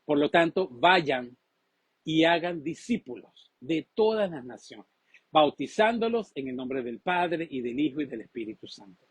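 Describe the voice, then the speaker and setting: A male pastor delivers a lively sermon in a somewhat high, husky voice. He swings between loud and soft, often acting out the people he quotes. The sound is dry and close. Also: unhurried, dry recording. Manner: animated preaching, acts out quoted voices.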